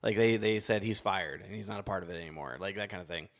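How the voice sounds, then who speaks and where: Lower-voiced man explaining eagerly. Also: fast talker. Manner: eager, explaining with lots of agreement. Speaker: podcast co-host. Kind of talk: casual podcast chat.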